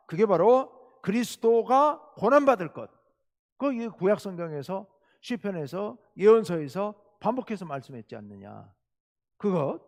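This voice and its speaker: Male pastor, animated sermon delivery, high voice, reverberant sanctuary. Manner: animated preaching, acts out quoted speech with sudden loud bursts. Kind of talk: Wednesday sermon. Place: church sanctuary. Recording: church hall reverb.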